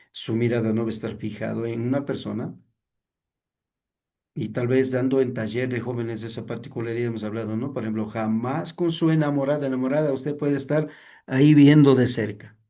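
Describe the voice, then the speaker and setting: Male seminary teacher, warm mellow tone, loose conversational lecturing style. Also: medium pitch. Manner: conversational, asks the class rhetorical questions; acts out sample preacher greetings to show mistakes. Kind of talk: evening class lecture.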